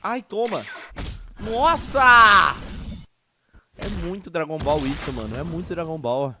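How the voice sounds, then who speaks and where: A Brazilian man hosting a reaction video, chatting casually and bursting into excited exclamations and shouts. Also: fairly high pitch, fairly quick, a little hiss or hum.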